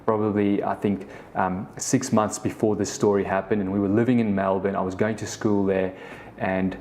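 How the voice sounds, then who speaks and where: He's in his thirties, South African with Afrikaans as his first language, and co-founded a business; here he hosts a casual podcast alone. His darkish, low voice moves at a moderate pace with little pitch variation against slight background noise, and his rambling story keeps restarting around "the thing is."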